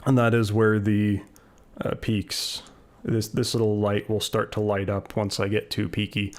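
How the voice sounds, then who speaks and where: With a fairly low, slightly mellow voice, a man loosely walks viewers through a new audio mixer in his YouTube video, stumbling over fillers and restarts as he goes.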